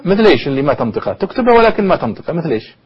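A man's voice: on the high side, big pitch swings, rapid-fire, slightly rough. A male university lecturer, teaching a class and quizzing his listeners with questions as he goes. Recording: dull lo-fi recording.

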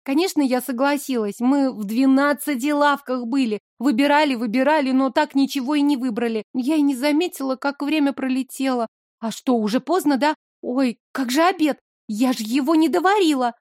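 A woman's voice: high-pitched, moderate pace, a little mellow, dry recording, studio quality, lightly acted. A woman voicing a timid, tearful young woman who pleads in a flustered way. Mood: pleading. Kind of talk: audiobook dialogue.

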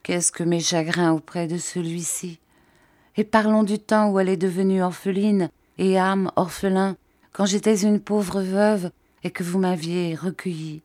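A woman reading an audiobook, voicing a distraught old widow who pleads in a high, urgent voice. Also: fairly even intonation, unhurried, a little mellow, dry recording, clean studio sound, natural voice. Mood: pleading.

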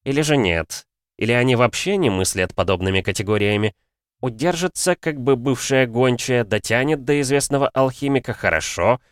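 Brief: male reader voicing a fussy, mocking alchemist, pitched well up, dry close sound. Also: animated, normal speed, clear, resonant tone, dry recording, natural voice. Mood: mocking praise. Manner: sanctimonious, theatrical, sly.

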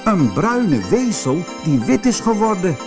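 Man playing brave young boy, excited, high, lively, storybook. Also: a little slow, over music. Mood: eager.

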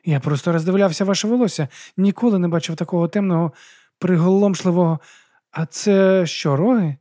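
A male narrator plays a timid, eager-to-please man in his thirties who talks on and on when he is scared. The voice sits higher than the narration, and the sound is dry and close. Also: fairly quick, warm tone, no echo, close to an everyday voice. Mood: nervously babbling. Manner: nervous babbling. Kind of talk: audiobook character voice.

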